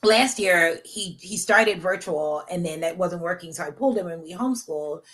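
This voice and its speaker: A woman's voice: fairly low pitch, normal speed, fairly bright tone, rough recording. Candid self-mocking woman host. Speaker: podcast host. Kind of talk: casual chat.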